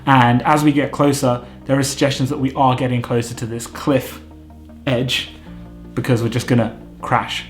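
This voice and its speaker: A man hosting a vocabulary lesson, explaining terms clearly with light jokes. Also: medium pitch, level tone, normal speed. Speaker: vocabulary teacher, channel host. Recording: echoey room with faint music.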